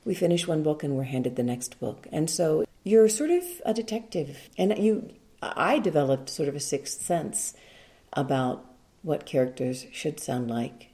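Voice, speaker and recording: A woman with a very low, gravelly voice and a mellow, dark tone. She is middle-aged and speaks unhurriedly with dry humor, like a seasoned audiobook narrator being interviewed. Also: lively intonation, measured pace. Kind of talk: relaxed interview conversation.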